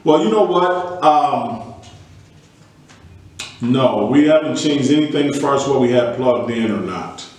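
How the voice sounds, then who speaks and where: A man's voice: medium pitch, expressive, measured pace, long pauses, darkish tone, far from the mic. A man hosting an online call, puzzled as he troubleshoots his audio, his voice echoing hollowly as if he were in a tunnel. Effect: hollow echo like a tunnel. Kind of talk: casual live talk to an audience. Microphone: computer on a video call.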